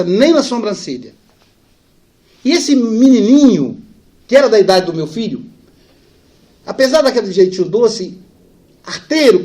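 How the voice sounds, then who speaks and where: High-voiced man telling a family story. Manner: animated storyteller, acts out dialogue, drops soft and slow for sad parts. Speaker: spiritist speaker. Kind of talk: storytelling lecture.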